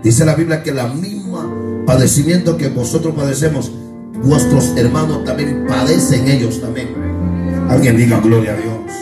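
A man preaching as pastor, leading call-and-response and breaking into shouted, sung lines. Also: medium pitch. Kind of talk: sermon. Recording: echoey room from far off, music behind.

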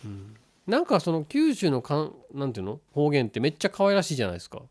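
A man with a Kansai accent, hosting a relaxed late-night style chat. His pitch swings widely as he tells animated stories, and he breaks into laughter often. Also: fast talker. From Osaka, Kansai. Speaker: radio-style podcast host. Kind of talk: casual chat.

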